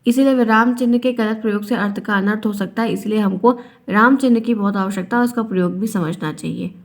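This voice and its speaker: A woman's voice: mid-range voice, a little fast. A young woman teaching an online Hindi grammar lesson, explaining patiently and repeating key phrases. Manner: explains by repeating, acts out example sentences.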